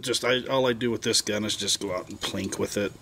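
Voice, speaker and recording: A man's voice: on the low side, steady tone, fairly quick, noisy background. A man casually walking through a hands-on how-to at his bench, plainspoken and rambling, with hiccups. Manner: plainspoken, rambling, self-interrupting. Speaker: hobbyist reloader.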